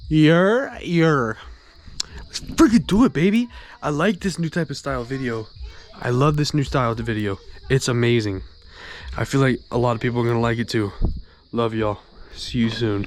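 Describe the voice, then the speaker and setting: A man's voice: mid-range voice, slight background noise. A young man vlogging outdoors on a lakeside houseboat, talking to a phone camera in an upbeat, slangy way. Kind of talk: casual vlog to camera.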